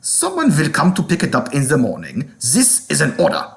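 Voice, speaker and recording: A man's voice: on the high side, wildly swooping pitch, brisk. A man voicing a menacing German official giving formal, commanding orders in a dramatic story reading. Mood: menacing, curt. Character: stern, menacing German male official on telephone. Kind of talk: dramatic reading of cartoon parody.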